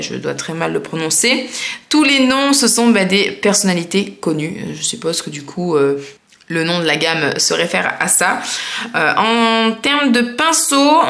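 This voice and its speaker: A woman's voice: mid-range voice, fairly bright tone. A woman vlogger chatting casually and enthusiastically as she reviews nail polishes, with frequent fillers.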